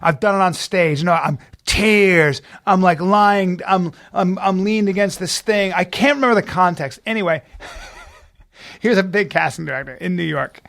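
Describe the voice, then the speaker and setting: A man with a fairly high speaking voice spins a casual podcast story, laughing often at himself. His telling is animated and self-mocking, with loose, chatty phrasing. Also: normal speed, vocal fry. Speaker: podcast co-host.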